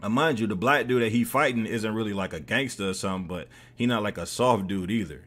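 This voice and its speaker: A man's voice: fairly low pitch, fast talker, fairly bright tone. An American man streaming, loosely retelling a story with many fillers. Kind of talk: casual storytelling.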